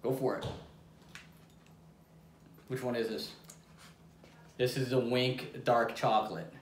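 A man's voice: mid-range voice, steady tone, takes it slowly. Rambling man in an echoey room. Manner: rambling, restarts sentences, talks with mouth full. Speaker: vlog co-host. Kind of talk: casual taste-test chat. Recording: echoey room with faint noise.

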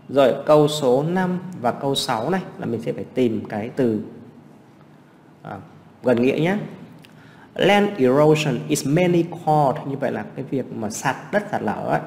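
A man's voice: medium pitch, vocal fry, darkish tone, in a large hall, a little hiss or hum. A man teaching English exam practice, explaining answers step by step and asking rhetorical questions.

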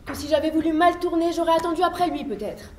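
Actress as a tart, indignant hotel maid. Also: female voice, high voice, fast talker, slight background noise, natural voice. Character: indignant young hotel maid, sharp-tongued. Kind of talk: stage play acting. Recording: echoey theater stage recording.

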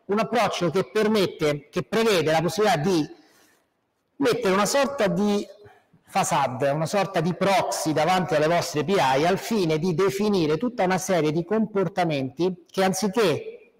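A man speaking as a meetup presenter, giving a conversational technical talk to a live audience in a hall and explaining with examples and asides. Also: sits high. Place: lecture hall.

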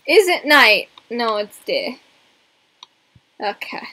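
A young woman chats away to her stream while she plays, rambling and poking fun at herself. Her voice sits a little high, and she takes her time with each thought. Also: big pitch swings, slow pace, bright, forceful tone, rough recording. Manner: chatty, rambling, self-mocking. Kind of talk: casual live-stream chat while gaming.

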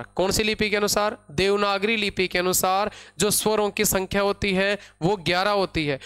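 A male grammar teacher with a high, smooth, resonant voice. He teaches an online class in a patient, repetitive way. He keeps asking the students questions and answering them himself, and he drags out key terms word by word as if dictating notes. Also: fairly bright tone. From India. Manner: slow, dictating pace when spelling out terms.

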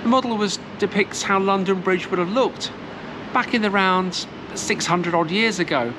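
A travel vlogger walks through a city churchyard, giving a casual history tour while holding the camera at arm's length. She speaks at medium pitch and a moderate pace, with lots of fillers and restarts. Loud city noise fills the background.

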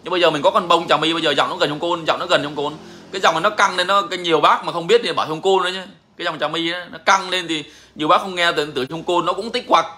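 A man's voice: a little high, steady tone, rapid-fire, pushed and bright. A man, a songbird breeder answering viewers in a casual live chat. He is emphatic and repeats his phrases.

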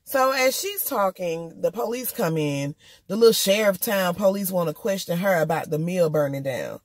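Husky woman chatting a TV recap. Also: fairly low pitch, lively intonation, moderate pace, no echo. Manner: slangy, candid, talks straight to viewers. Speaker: TV episode reviewer. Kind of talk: casual recap chat.

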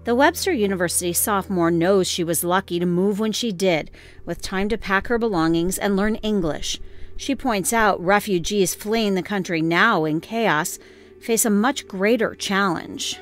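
A woman reporter giving scripted news narration in a measured, clear way. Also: mid-range voice.

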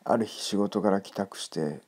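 A man reading a ghost story in a hushed, creepy manner, his gravelly, breathy voice often close to a whisper. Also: sits low, moderate pace.

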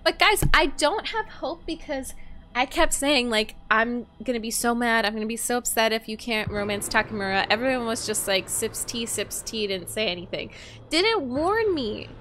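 A young woman doing casual, playful let's play commentary for viewers into a close desk microphone, with expressive reactions. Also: fairly high pitch, normal speed, slight background noise. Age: young adult. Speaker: game streamer. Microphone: close desk microphone with headset headphones.

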